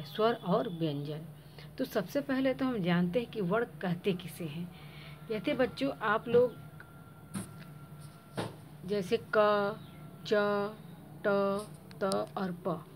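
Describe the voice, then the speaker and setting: Woman teacher w indian hindi accent, talking real slow to kids, mid pitch, bit of background hiss. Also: darkish tone. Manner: slow, patient explaining, addresses the children directly. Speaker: school teacher. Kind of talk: grammar lesson for children.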